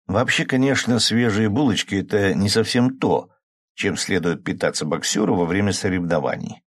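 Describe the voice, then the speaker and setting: A man calmly narrating a novel in the first person as an audiobook. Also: deep voice, normal speed, no echo.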